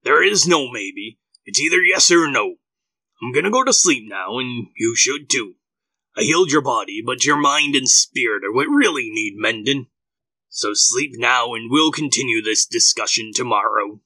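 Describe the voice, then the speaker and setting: A man voicing a patient dwarf smith who speaks to his pupil in a steady, teaching way in a told story. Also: medium pitch, moderate pace, no room sound, heavily acted, low-quality recording. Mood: firm.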